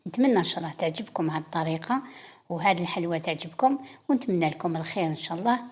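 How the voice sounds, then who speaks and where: Speaking with an Algerian Arabic accent, this cooking channel host races through a baking tutorial, chatting directly to her audience as she instructs. Her fairly low voice has lively intonation and a slightly rough, somewhat mellow quality.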